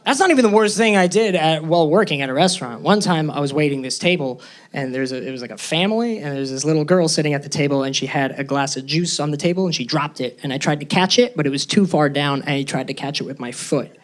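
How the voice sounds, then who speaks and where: On a comedy club stage, a man with a slightly high voice and quick pace performs stand-up into a handheld mic, nervously telling self-deprecating stories. The live show is punctuated by loud crowd laughter.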